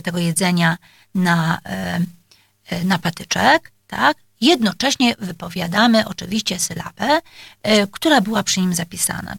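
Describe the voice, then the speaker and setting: A woman's voice: mid-range voice, vocal fry, a bit bright, no echo, clean studio sound. A woman speech therapist explaining exercises to parents in a polite instructional talk, hesitant with many fillers.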